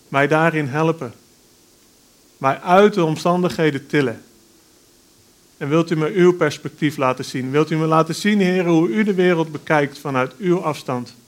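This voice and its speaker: A man reading Bible passages and praying aloud, in a measured, earnest way with pauses. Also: on the high side. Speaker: preacher. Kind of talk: scripture reading and prayer.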